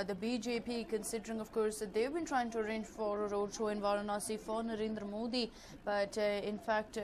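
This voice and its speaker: Female TV news reporter, Indian English accent, mid-pitched, hesitant ad-libbed live commentary, noticeably noisy backdrop. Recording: clearly noisy live broadcast ambience.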